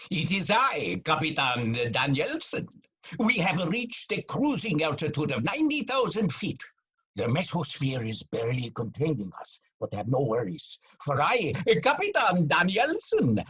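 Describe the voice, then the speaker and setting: In a comic audio drama, an actor plays a pompous, bumbling male airline captain, grandiose, self-important and full of innuendo. His husky, slightly bright voice sits high and delivers a full character performance, though the audio is poor.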